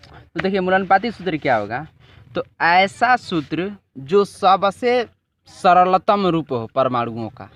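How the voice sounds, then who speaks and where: Brief teacher with a lilt. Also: male voice, high-pitched, a bit bright. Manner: drawn-out explanatory, repeats and checks "ठीक है". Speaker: chemistry teacher. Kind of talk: classroom lesson with a student. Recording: dull lo-fi recording.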